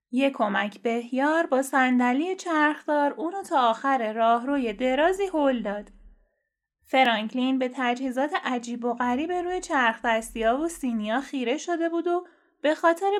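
High-voiced woman reading a children's story.

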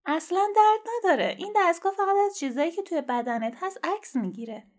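A kind lady doctor from a children's storybook explains things gently and patiently, as a woman puts her on. Her voice is high and clear, and she sounds reassuring. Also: expressive.

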